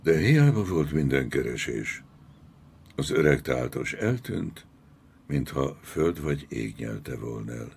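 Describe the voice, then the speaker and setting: A man narrating a novel as an audiobook, measured and dramatic. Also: extremely low pitch, animated, vocal fry, darkish tone, a little hiss or hum. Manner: slow, measured, dramatic storytelling.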